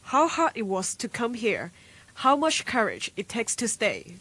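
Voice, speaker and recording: A woman's voice: a little high, wildly swooping pitch, unhurried, fairly bright tone, breathy edge. A woman from Hong Kong co-hosting a radio program, speaking in an earnest, reflective way. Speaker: radio co-host. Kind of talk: scripted radio show hosting.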